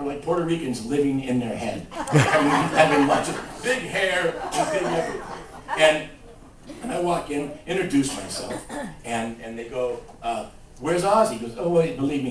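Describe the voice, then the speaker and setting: A man telling comic stories on stage in an animated way, acting out the voices. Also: mid-range voice. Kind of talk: comic live storytelling. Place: stage at a live show. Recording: roomy live stage from far off.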